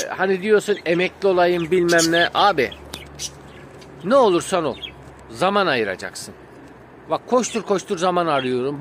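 Outdoors by a pigeon coop, a man vlogs to viewers about his pigeons, venting in a rambling, frustrated way with many fillers while pigeons coo and birds chirp around him. His voice is on the high side and fairly bright, with a little hiss or hum.

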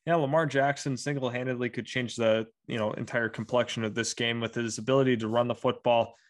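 A man's voice: mid-range voice, fairly even intonation, brisk. A young man co-hosting a sports show, giving casual game analysis with many fillers like "you know". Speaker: sports podcast co-host.

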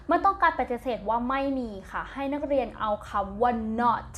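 A woman's voice: fairly high pitch, animated, normal speed, faint music behind. A woman with a Thai accent teaching a primary English lesson, spelling words letter by letter, repeating each word twice, then giving its meaning. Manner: gentle, patient, ends phrases with polite particles. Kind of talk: slow recorded classroom lesson.

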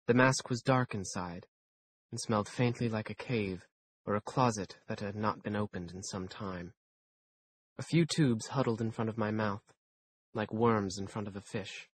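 A man reading a first-person audiobook aloud in a measured, dry storytelling manner. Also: on the low side, breathy edge. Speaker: audiobook narrator.

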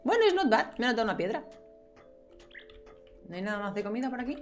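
A woman's voice: on the high side, sing-song, quick pace, faint music behind. Chatty young woman gaming. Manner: chatty, talks to herself and viewers, playful exclamations. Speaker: gameplay streamer. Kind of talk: casual gameplay commentary.

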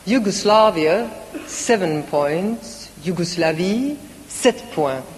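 Slow, measured woman contest presenter. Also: lowish voice, animated, a little mellow. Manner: repeats each score in English then French, measured. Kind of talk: live broadcast presenting. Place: large concert hall. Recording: live broadcast from a concert hall with audience.

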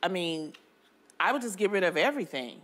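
A woman's voice: lowish voice, sing-song, a little fast, a bit bright. An American woman talking casually as a co-host on a studio panel show.

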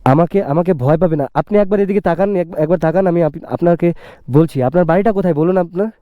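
A man's voice: a little high, fast talker, no room sound, phone-quality sound. Earnest, coaxing man from West Bengal. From West Bengal, India. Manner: earnest, coaxing, repeats pleas. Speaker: motovlogger host. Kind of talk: staged roadside vlog. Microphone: helmet-worn mic on a bike.

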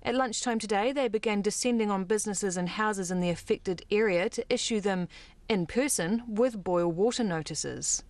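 A woman with a New Zealand accent narrating a radio news report in a clear, even tone. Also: medium pitch, moderate pace, dry recording.

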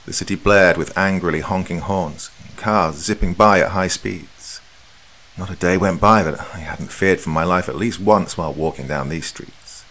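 A man reading a horror story aloud as a podcast host, dramatic and measured. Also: low voice, fairly bright tone, rough recording.

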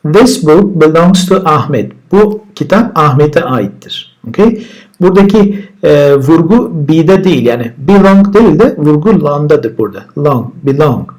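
Man teaching English words, slightly high voice. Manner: relaxed explaining, with repeated words and translations. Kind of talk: vocabulary lesson.

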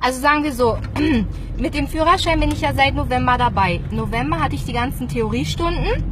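A woman chatting casually to her viewers in a vlog, giggly and greeting people by name. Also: high-pitched. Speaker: vlogger. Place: in a car. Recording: car noise behind.

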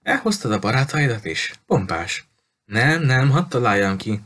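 A man's voice: medium pitch, very animated, a bit bright. A man voicing a cheerful, talkative little lady who runs a bookshop, gushing and cutting others off.

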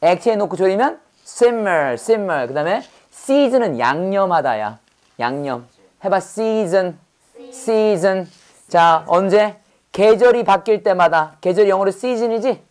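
A woman teaching English vocabulary in a brisk call-and-response drill. She fires off quick questions and repeats each word over and over. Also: mid-range voice, expressive, a little mellow.

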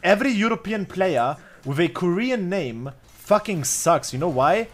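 Live gameplay commentary comes from a man in his twenties who muses aloud, swearing casually. His high voice has lively intonation at a measured pace, over soft background music and a faint beat.

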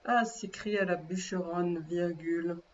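A woman teacher giving a dictation lesson, speaking slowly and carefully, repeating and spelling words aloud. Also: lowish voice, darkish tone, muffled recording, a little hiss or hum.

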